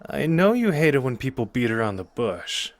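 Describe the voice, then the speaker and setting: A man voices a cocky young sorcerer in an ASMR roleplay, playful on the surface but protective beneath, teasing and talking intimately to the listener with earnest persuasion. He speaks in a medium-pitched, sing-song voice at a moderate pace on a dry recording.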